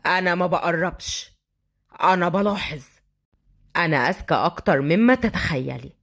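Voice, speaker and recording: A woman doing a low, brooding Egyptian street thug. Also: normal speed, fairly bright tone.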